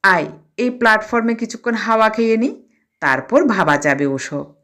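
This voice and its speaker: Woman as a cheeky defiant schoolboy, higher voice, pleading, storybook. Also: expressive, moderate pace, fairly bright tone.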